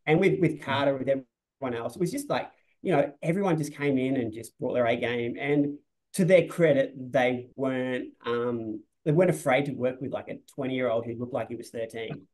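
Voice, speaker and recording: A man in his forties chatting over a webcam. He rambles loosely, restarts his sentences and leans on filler words, with a middling pitch. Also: moderate pace, a little mellow, poor audio. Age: 40s. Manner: rambling, restarts often, says "like" a lot. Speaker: film director. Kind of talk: casual interview on a video call. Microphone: video call webcam.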